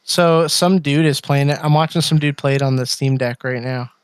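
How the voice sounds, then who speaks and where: Man, slightly higher voice, easygoing, headset mic, dry sound. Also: normal speed, smooth, dry recording. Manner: easygoing, agreeable, chuckles often. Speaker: podcast co-host. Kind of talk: casual livestream chat.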